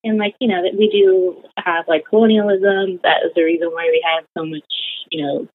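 Over a tinny, phone-like line with a little hiss or hum, a young woman with a fairly low, steady voice talks at normal speed. She's an interview guest telling stories casually, rambling with lots of fillers like "like" and "you know."

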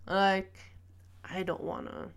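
A woman's voice: mid-range voice, fairly even intonation, slow, creaky, smooth. A young woman from Malaysia, a student, talking in a casual personal vlog, reflective and hesitant with many fillers and small laughs. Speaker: student vlogger.

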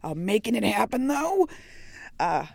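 A woman's voice: mid-range voice, big pitch swings, a little slow, vocal fry, a little mellow, no room sound, clean studio sound. A young woman hosting a casual solo podcast, chatty and playful, talking to her listeners from inside a small apartment closet. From United States. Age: young adult. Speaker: podcast host.

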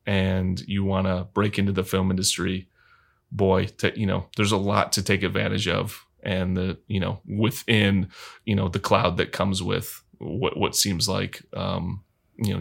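A man's voice: sits low, level tone, a little slow, creaky. A man talking casually on a podcast, thoughtful and rambling with many fillers and restarts.

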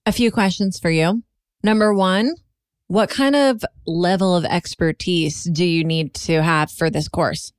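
Smooth-voiced female podcast co-host. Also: on the low side, a little slow, no echo, studio quality. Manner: enthusiastic, asks questions. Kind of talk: casual podcast interview.

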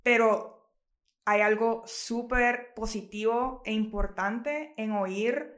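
A young Honduran woman co-hosting a podcast, animated and quick to laugh. Her voice carries a noticeable room echo around it. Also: a little high. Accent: Honduran Spanish. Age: young adult. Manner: animated, laughs readily, uses vos. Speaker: podcast co-host. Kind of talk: casual chat.

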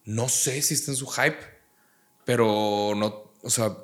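Speaking slowly in a mid-range, fairly bright voice, this Monterrey man is a guest on a casual podcast. He's blunt, full of slang and swearing, and the room he's in echoes noticeably.

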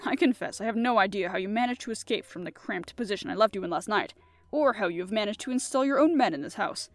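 A woman reading an audiobook voices a suave male master criminal, speaking slowly and smoothly with quiet menace. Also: mid-range voice, expressive, no echo, soft background music, close to an everyday voice. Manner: smooth, slow and sinister.

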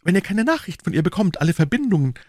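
A man plays a spirited young musketeer from a read-aloud novel, earnest with a wry, teasing edge. His delivery moves lively up and down, recorded close and dry. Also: high-pitched, quick pace, no echo, voice pushed up. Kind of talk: audiobook character voice.

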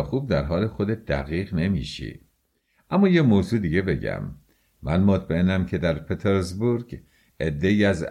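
A male audiobook reader voicing a sly, worldly middle-aged man who speaks in a calm, insinuating, lecturing way. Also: sits low.

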